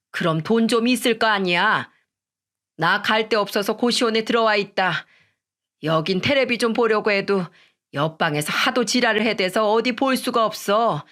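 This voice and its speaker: A woman's voice: fairly high pitch, fairly bright tone, natural voice. A woman voicing a rude, greedy older mother-in-law who scolds and bosses in a coarse way, in a read-aloud story. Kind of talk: storytelling radio drama reading.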